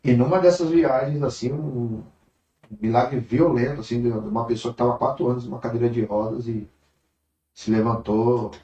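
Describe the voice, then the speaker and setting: A man's voice: mid-range voice, normal speed. A man with a Brazilian accent, a preacher telling a testimony in an interview, acting out the dialogue. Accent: Brazilian Portuguese. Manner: animated storyteller acting out dialogue. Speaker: traveling preacher. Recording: distant mic, roomy, dull sound.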